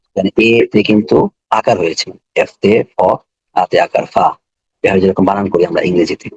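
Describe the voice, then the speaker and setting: A deep, husky male teacher from Bangladesh explains a language course book at a quick clip. He breaks each letter and word into small repeated steps. The recording is very dry and close. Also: dry recording, poor audio. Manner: explains letter by letter, repetitive and step by step.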